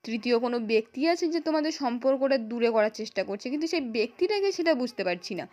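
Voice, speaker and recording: A calm middle-aged man with a West Bengal accent, reasoning things out, as a woman narrator reads him. High and brisk, in a storybook retelling. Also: close to an everyday voice.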